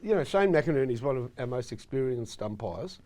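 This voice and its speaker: A man's voice: mid-range voice, very animated, a little fast, darkish tone. A middle-aged Australian man co-hosting a casual football chat show, opinionated and emphatic as he tells stories. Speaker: co-host.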